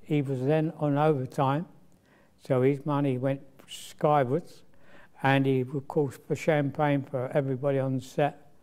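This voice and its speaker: A man with a mellow, mid-pitched voice talks through his memories of a film shoot. He speaks casually in an interview and restarts a phrase now and then. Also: level tone, unhurried. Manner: conversational, with small restarts. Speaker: film crew member recalling a shoot. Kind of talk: interview recollection.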